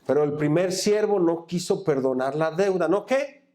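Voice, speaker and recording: High-voiced man preaching a call-and-response sermon. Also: normal speed, mellow. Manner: call-and-response questions to the congregation; reads scripture aloud and comments on it. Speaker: pastor. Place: church.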